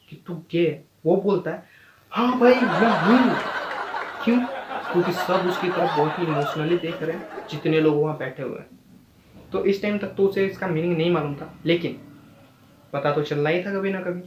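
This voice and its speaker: A young man tells a stand-up story in a slightly high voice, playing out each quoted line with sudden bursts of energy. The room around him rings with echo, and a faint noise sits underneath. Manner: animated, acts out quoted lines with sudden loud jumps. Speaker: stand-up comedian and channel host.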